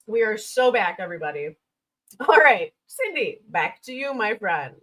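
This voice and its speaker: This livestream host reviewing resumes is a woman with a medium-pitched voice that swings widely in pitch, moving at a moderate pace with a bright, forceful tone. She talks in an unscripted, chatty way, giving blunt, informal critiques while thinking out loud, dotting her speech with small sing-song fillers.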